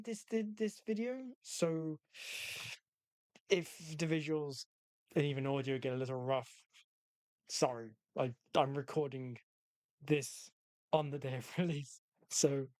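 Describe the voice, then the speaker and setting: A man's voice: fairly high pitch, darkish tone. A man hosting a comedic video essay on games, sarcastic and sweary, mixing scripted commentary with rambling asides.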